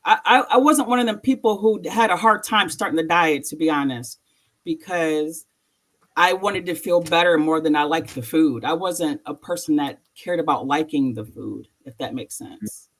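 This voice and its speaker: A woman tells her personal story as an interview guest. Her speech is halting and emotional, broken by nervous laughter. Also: low voice.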